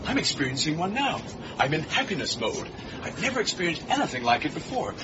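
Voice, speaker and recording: A fussy android faking being human. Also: male voice, on the high side, very animated, brisk. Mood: elated. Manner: fussy, formal robot faking human ways. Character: prim android man newly turned human. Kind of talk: sitcom acting. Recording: dull TV sound with audience laughter and noise.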